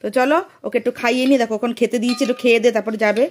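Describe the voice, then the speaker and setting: A woman's voice: on the high side, fairly even intonation, racing, a little hiss or hum, rough recording. A woman vlogging her day as a mother, talking straight to her viewers in a chatty, casual way. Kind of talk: casual daily vlog narration. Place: outdoors on the street, then at home.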